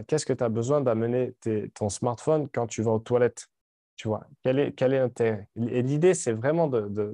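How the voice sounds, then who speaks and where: A man's voice: medium pitch, darkish tone, no room sound, studio quality. A man in his late thirties talking frankly and casually to camera, rambling with restarts and casual swearing. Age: 30s. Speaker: vlogger. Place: home in Dubai.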